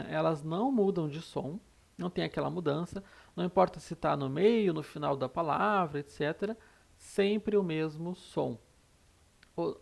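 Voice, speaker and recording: Brazilian teacher with a gravelly voice. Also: medium pitch. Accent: Brazilian Portuguese. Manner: explanatory, with frequent "né?" tag questions; repeats rules step by step. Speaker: Korean language teacher. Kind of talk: online language lesson.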